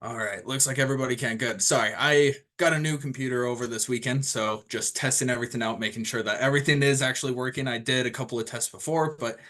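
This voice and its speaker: A man's voice: medium pitch, fairly even intonation, quick pace, hardly any pauses, pushed and bright. A man in his twenties hosting an online training call over video, talking casually and rambling with lots of fillers and restarts. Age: 20s. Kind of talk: casual self-introduction on a group call.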